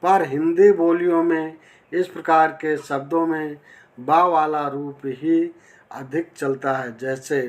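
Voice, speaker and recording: A man teaching a spelling lesson, slowly listing example words one by one. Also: fairly high pitch, fairly even intonation. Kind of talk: slow Hindi spelling lesson.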